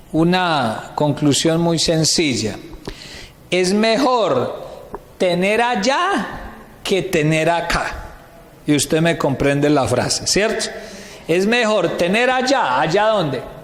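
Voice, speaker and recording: A man preaching a sermon as a pastor, asking the congregation questions, answering them himself, and calling listeners brother. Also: high-pitched. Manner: keeps addressing listeners as "brother". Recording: echoey hall with long reverb, faint noise.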